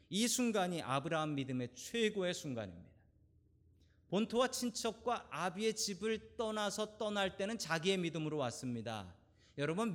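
Male pastor, 40s, sermon delivery, animated pitch, slightly high register. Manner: preaching with rising emphasis and direct questions to the congregation.

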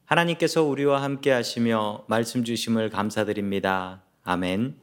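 A man's voice: medium pitch, moderate pace, clear, resonant tone. A male pastor delivering a Sunday sermon, telling a story and asking the congregation questions.

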